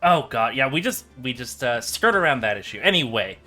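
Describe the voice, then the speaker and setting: A man's voice: medium pitch, sing-song, a little fast, sharp tone, soft background music. A man in casual livestream banter as he streams a game and voices its characters.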